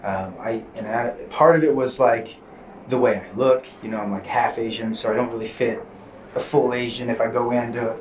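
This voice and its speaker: Halting man on a roomy convention panel. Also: mid-range voice, fairly even intonation. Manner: halting, frequent restarts and fillers. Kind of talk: candid panel interview answer. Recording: roomy distant mic with faint noise.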